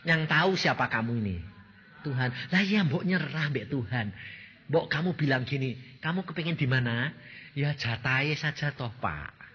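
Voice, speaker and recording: A man with a Javanese accent preaching a sermon as a pastor, animated and firing questions at the congregation. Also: mid-range voice, normal speed, long reverb tail, highs cut off, a little hiss or hum.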